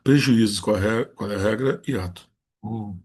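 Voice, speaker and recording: A man, teaching Portuguese rules in a recorded lesson. He draws out each example word slowly and then states the rule in a flat tone. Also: lowish voice, slightly rough.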